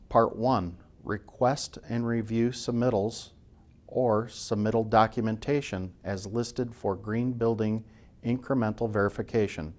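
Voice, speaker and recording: Guy with a lower voice reading out inspection steps one by one, training video vibe. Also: darkish tone. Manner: procedural, step-by-step delivery. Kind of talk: instructional video narration.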